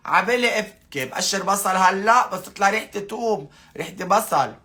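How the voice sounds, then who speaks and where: A man's voice: high voice, lively intonation, a little fast, bright, forceful tone. Sarcastic Lebanese man mocking on a live stream. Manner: sarcastic, mimicking others in a whiny pleading voice. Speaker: satirical live-stream host.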